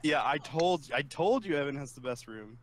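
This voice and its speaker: A man's voice: fairly high pitch, animated, normal speed, a little hiss or hum, rough recording. A young man chatting casually over a game with teasing, sweary banter. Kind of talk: casual chat while gaming.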